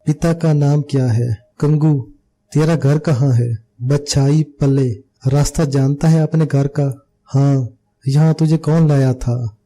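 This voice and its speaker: A man's voice: on the high side, fairly even intonation, slow pace, dark tone. A man voicing a scared little village boy who answers timidly, in an audiobook. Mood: frightened. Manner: timid, fearful pleading.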